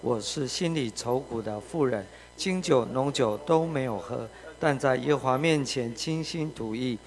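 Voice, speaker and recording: Man reading bible verses out loud, steady and plain, mid pitch. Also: a little slow. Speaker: congregation member. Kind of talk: reading scripture aloud.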